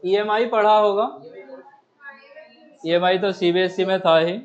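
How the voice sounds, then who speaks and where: A man's voice: sits high, steady tone, measured pace, lo-fi sound. A man teaching a physics class, asking his students questions, answering them himself and often checking whether they follow. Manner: coaxing, repeatedly checks understanding. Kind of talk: classroom lecture.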